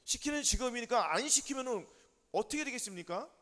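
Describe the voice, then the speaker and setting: A pastor preaching a sermon, constantly asking the congregation questions and answering them himself. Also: male voice, extremely high pitch, animated, brisk, fairly bright tone. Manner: call-and-response questions to the congregation. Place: church sanctuary. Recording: hall reverb.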